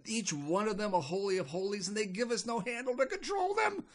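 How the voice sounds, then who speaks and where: A man's voice: high-pitched, expressive, brisk, pitched above the performer's own voice. A man voicing a furious male demon who rants about believers, his voice growing to a roar. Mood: indignant. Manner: roaring, rising intensity.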